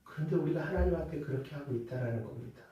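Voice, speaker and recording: A man preaching a Sunday sermon as pastor, building to loud rhetorical questions and dropping back to quiet explanation. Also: fairly high pitch, rapid-fire, highs cut off. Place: church sanctuary. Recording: very echoey church hall, mic at a distance.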